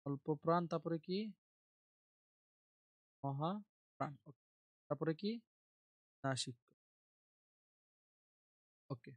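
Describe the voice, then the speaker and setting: A man's voice: a little high, slow pace, long pauses, no echo, lo-fi sound. Guy teaching grammar online, keeps asking and answering himself, dry close sound. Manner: quizzing, asks and answers his own questions; repetitive drilling, spells out letters one by one. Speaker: grammar tutor. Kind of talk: online admission-prep class.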